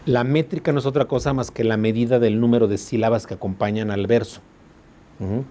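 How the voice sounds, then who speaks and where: A man's voice: mid-range voice, fairly even intonation, fairly quick, mellow. A man with a Mexican accent teaching a class, explaining patiently and often asking the students if they follow. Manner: explains patiently, checks understanding with constant questions. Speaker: law school teacher. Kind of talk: classroom lecture.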